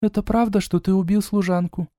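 A man's voice: high voice, steady tone, brisk, dark tone, no room sound, studio quality, pitched above the performer's own voice, natural voice. A man voicing an earnest, anxious young woman, the hero's elder sister, with an emotional, pleading way of speaking.

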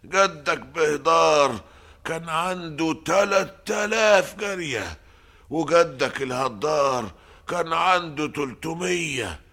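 An Egyptian-accented man playing an eccentric royal priest in a theatrical fantasy drama, declaiming in drawn-out rhymed proverbs. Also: a little high, expressive, vocal fry, sharp tone, heavily acted. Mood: emphatic preaching. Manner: declamatory, drawn-out sing-song rhyming.

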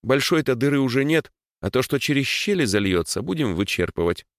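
A man's voice: mid-range voice, big pitch swings, brisk, no echo, studio quality, pitched above the performer's own voice. A man reading a storybook and voicing a decisive, practical young girl. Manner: decisive, matter-of-fact.

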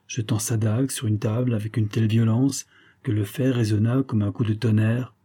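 Low dark husky male narrator. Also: little pitch movement, moderate pace. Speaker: audiobook narrator. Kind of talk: scripted narration of a classic novel.

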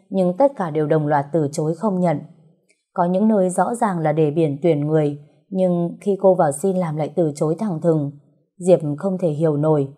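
A woman narrating a story in a steady, brisk reading style. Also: fairly low pitch, slightly rough. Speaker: audiobook narrator.

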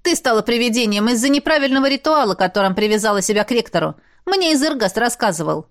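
A woman's voice: a little high, animated, quick pace. A woman voicing a confident young man in an audiobook, assertive and matter-of-fact.

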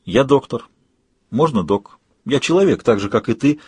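A man reading an audiobook, voicing a calm, kindly doctor who reassures a frightened patient. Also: mid-range voice, moderate pace, slightly rough, dry recording. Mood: gentle.

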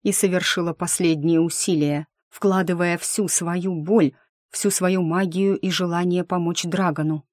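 A woman reads a first-person fantasy audiobook with an emotional, expressive delivery. Her voice sits somewhat low. The recording is dry and close, with no room echo. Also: a little slow. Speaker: audiobook narrator.

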